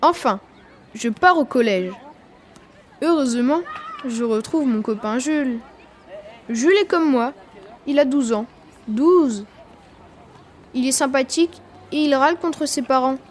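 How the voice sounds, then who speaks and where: A woman's voice: high voice, a little slow, long pauses, faint music behind. A woman reading a children's story aloud for language learners, telling it expressively in the voice of a twelve-year-old boy. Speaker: reader.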